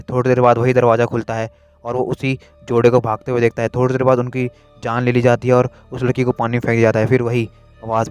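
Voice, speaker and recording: A man narrating a spooky story in a hurried, repetitive way. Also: medium pitch, clean tone, no room sound.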